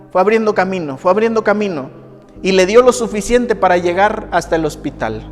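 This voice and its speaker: A man preaching a sermon as a pastor, telling a personal testimony with emphatic repetition. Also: high-pitched. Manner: emphatic, repeats phrases for effect, acts out quoted people. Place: church. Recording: church hall with long reverb and soft music.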